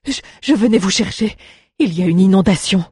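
A narrator plays a flustered young soldier who stammers and apologizes to his commander. The voice is lifted a little and breathy, recorded dry and close, in storybook reading. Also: medium pitch, lively intonation, brisk, a little mellow, no room sound, voice pushed up.

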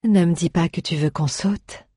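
A cool-headed woman bard with a low, husky, steady voice, speaking in a slow, measured way, as the reader gives her lines. The recording is close and dry. She sounds unruffled in a storybook scene. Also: dry recording. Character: bold, unflappable woman bard. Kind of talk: storybook narration.

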